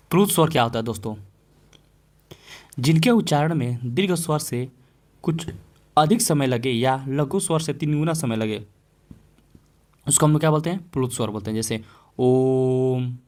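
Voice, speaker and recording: In a mid-range, darkish voice, a male teacher runs an exam-prep Hindi grammar class. He says example words slowly and repeatedly, then poses questions to the class and answers them himself.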